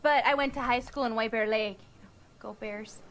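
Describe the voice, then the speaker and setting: A woman's voice: a little high, fairly even intonation, moderate pace, lightly acted. An actress playing a chatty small-town woman witness with a Minnesotan accent, rambling on in a friendly way.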